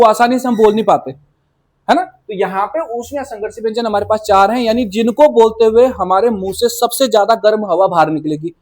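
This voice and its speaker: A man's voice: sits high, darkish tone. A man teaching a grammar class for exam students, explaining step by step, asking the class rhetorical questions and sounding out letters one by one. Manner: repeats filler words and sounds out letters one by one. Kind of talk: recorded exam-prep lecture.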